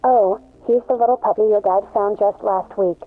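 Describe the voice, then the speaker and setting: A man in a high falsetto voicing a fussy, doting mother. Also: fairly even intonation, normal speed, close to an everyday voice. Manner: high falsetto, sweet and fussing. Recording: tinny lo-fi tape with music.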